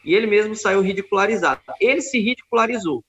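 A man's voice: high voice, expressive, quick pace, sharp tone. A man telling a story in an emphatic way, quoting his own words at length. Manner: emphatic, quotes himself at length. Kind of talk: casual storytelling. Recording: dull lo-fi recording.

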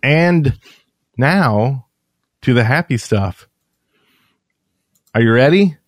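Speaking very slowly but with animation, a man co-hosts a podcast in casual, chatty talk, wandering off and correcting himself. His pitch is medium, and the studio-quality audio has no echo.

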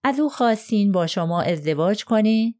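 A woman's voice: mid-range voice, lively intonation, warm tone, lightly acted. Woman reading as a cold, firm lawyer. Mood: probing. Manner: probing, pressing questions. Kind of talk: audiobook character reading.

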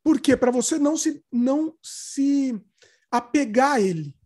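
A man's voice: very high-pitched, animated, measured pace, a little mellow. A man with a Brazilian accent hosting his channel, talking enthusiastically, jumping in and repeating words for emphasis. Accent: Brazilian Portuguese. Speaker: host of an online channel. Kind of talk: casual conversation.

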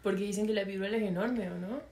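A woman, reacting quickly and expressively in casual chat. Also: mid-range voice, fairly even intonation, a crowd in the background.

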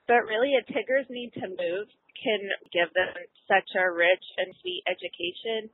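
A woman's voice: medium pitch, sing-song, moderate pace, husky, dry recording. A woman speaking as a homeschooling parent, explaining in a casual, conversational way. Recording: tinny phone-like line.

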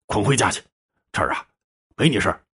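A man's voice: fairly low pitch, expressive, fairly quick, a bit bright, slightly rough, exaggerated voice. A man voicing a stern, taciturn elder brother who speaks curtly, in a spoken story. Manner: curt, stern.

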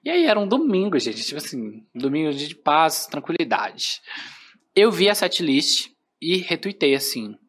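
A man from Brazil with a Brazilian Portuguese accent, a podcast guest telling an animated story in casual chat, full of filler phrases. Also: a little high, normal speed, husky.

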